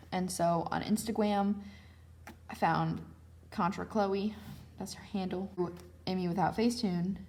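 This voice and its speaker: Chatty young woman with a creaky voice. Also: lowish voice, a little mellow. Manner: chatty and self-mocking, with slang. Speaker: vlogger. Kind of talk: casual sketchbook tour narration.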